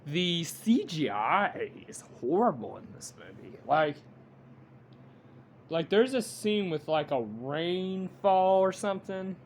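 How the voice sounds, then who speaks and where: A man giving an unscripted movie review rant, halting and blunt, with frequent restarts. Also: sits high, very animated, a little hiss or hum.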